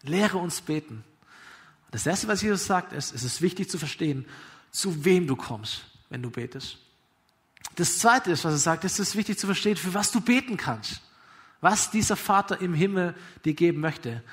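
A preacher giving a sermon live before a congregation, retelling a parable in a conversational storytelling way that asks the audience along. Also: male voice, high-pitched, lively intonation, moderate pace.

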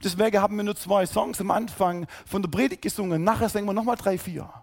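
A man preaching a sermon, emphatic, rising to loud calls and then dropping low and quiet. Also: quick pace, creaky. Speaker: pastor.

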